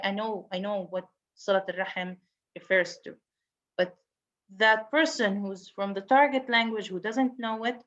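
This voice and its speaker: A woman with a mid-range, slightly bright voice, captured in dull audio, lectures university students on translation. A native Arabic speaker with an accent, she explains step by step, frequently restarts and repeats words, and switches between English and Arabic.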